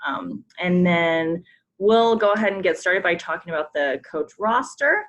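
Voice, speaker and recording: Speaking a little slowly with lively intonation, a woman with a fairly low, fairly bright voice leads a coach conference call for a sports program staff. Her instructional briefing walks through forms on screen, friendly, full of ums, and dotted with polite reminders.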